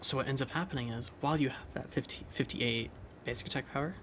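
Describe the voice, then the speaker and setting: A man's voice: mid-range voice, fast talker, noisy background. A young man casually thinking aloud as he explains a game build over gameplay, loose and rambling with restarts. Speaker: game commentator.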